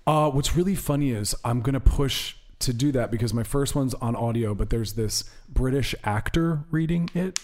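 A man co-hosts a casual podcast, stammering through his thoughts and laughing easily. His voice sits at an average pitch for a man. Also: moderate pace, hardly any pauses, a little mellow. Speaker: sex therapist co-host.

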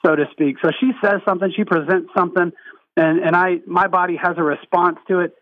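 High-voiced man, thoughtful and halting. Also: fairly even intonation, no room sound, narrow, tinny audio. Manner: reflective, searching for words. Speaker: guest. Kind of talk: casual podcast conversation.

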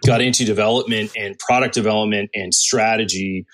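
A man answering as an interview guest, speaking in a measured way with frequent pauses and restarts. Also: lowish voice, fairly even intonation, fairly bright tone. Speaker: guest, healthcare executive.

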